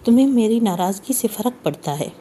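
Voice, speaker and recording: A woman's voice: on the high side, lively intonation, slight background noise, natural voice. A woman reading the part of a stern, jealous young husband in an audiobook, commanding and harsh. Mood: questioning. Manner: commanding and harsh, then softening.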